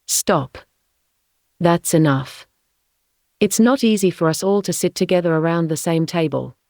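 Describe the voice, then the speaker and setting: A man's voice: on the high side, unhurried, creaky, darkish tone, dry recording, pitched above the performer's own voice. A man voicing an older grandmother who firmly calls for peace at the family table, in an audiobook. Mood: pleading.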